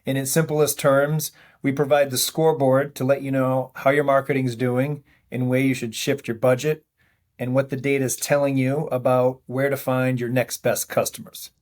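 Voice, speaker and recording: A man with a Maine accent, speaking as a founder guest in a podcast interview, relaxed and self-deprecating, explaining at length. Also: mid-range voice, normal speed.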